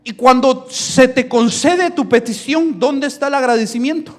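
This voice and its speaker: A man with a very high voice preaches a sermon in church, holding a microphone. He jokes with the congregation in soft asides, then rises to loud, shouted exhortation. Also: moderate pace. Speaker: pastor. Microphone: handheld microphone.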